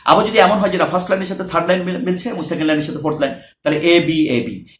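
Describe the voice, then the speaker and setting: A man's voice: high-pitched, racing, echoey room. A male university lecturer explaining exam preparation in a spoken lecture, patient, with many fillers and restarts and English terms mixed in.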